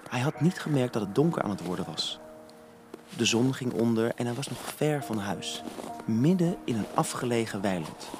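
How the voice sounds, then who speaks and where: A man narrating a children's storybook in an expressive, lively reading. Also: mid-range voice.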